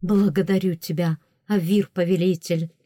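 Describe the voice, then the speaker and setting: A woman voicing an ardent, eager adult prince, speaking slowly and emphatically, a little louder than her narration. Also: fairly low pitch, fairly even intonation, dry recording, studio quality, lightly acted. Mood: elated.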